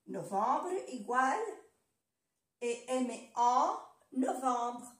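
A woman's voice: fairly high pitch, animated, extremely slow, fairly bright tone, far from the mic. An older woman giving a language lesson, patiently repeating each word several times and spelling it out letter by letter. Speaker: language teacher. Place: home room with the air conditioning on. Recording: echoey room, voice from away from the mic. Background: dog panting.

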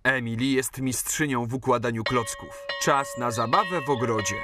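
A narrator telling a children's cartoon story in a calm, friendly storybook manner. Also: medium pitch, moderate pace, close to an everyday voice. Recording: studio voice-over with loud cartoon music.

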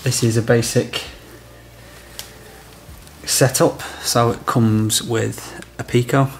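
Gravelly-voiced man explaining a job. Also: medium pitch, flat delivery, slow, a little hiss or hum. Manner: practical, explaining step by step. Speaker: electrician. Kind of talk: on-site product demonstration. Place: house interior, small room.

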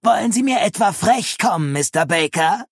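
Narrator doing a nosy old lady neighbor, snide, high and croaky, audiobook. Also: animated, normal speed, no echo, clean studio sound. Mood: mocking. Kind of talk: audiobook reading.

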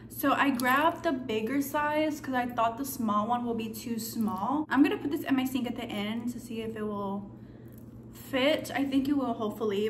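A woman's voice: on the high side, slight background noise. Chatty young woman vlogging casually. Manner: chatty, peppered with "like" and "girl". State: tired and sleepy. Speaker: lifestyle vlogger. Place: her apartment, indoors.

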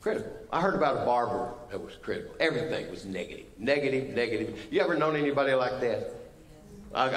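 A man's voice: on the low side, distant mic, slight background noise. A man preaching a sermon, telling folksy jokes to his congregation. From United States. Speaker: pastor. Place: church sanctuary. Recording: roomy church sound from off mic.

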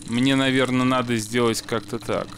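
A man's voice: mid-range voice, flat delivery, moderate pace, a little hiss or hum. A man playing a puzzle game with a friend, chatting casually and muttering mild curses as he works things out. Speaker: let's play gamer. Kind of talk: casual co-op gameplay chat.

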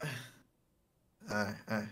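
A young man in casual, slangy livestream banter over a voice chat call, excitable, laughing and swearing. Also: slow. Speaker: blindfolded date on a livestream.

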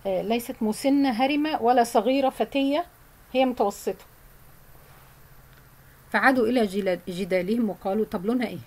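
A woman with an Egyptian Arabic accent teaching Quran memorization, explaining in casual colloquial speech and reciting verses slowly. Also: fairly high pitch, low-quality recording.

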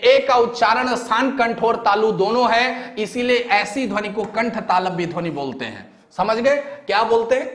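High-voiced man teaching exam-prep, echoey room. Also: fairly bright tone. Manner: repetitive, drills phrases and asks "samajh gaye?".

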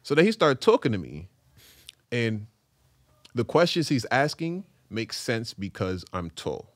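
A man's voice: mid-range voice, big pitch swings, measured pace, no echo. A man in his thirties with a Brooklyn accent tells a story in a slangy, conversational podcast style. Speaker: podcast speaker telling a personal story. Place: small indoor podcast studio. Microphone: close podcast mic on boom arm.

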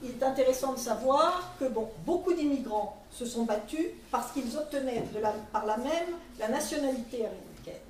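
A middle-aged French conference speaker representing a centennial commission addresses a teachers' training day from a panel table, with frequent fillers and restarts. Her high, darkish voice is lively, moving at a moderate pace with few pauses; the table mic recording, filmed from across an echoey room, carries a little hiss or hum.

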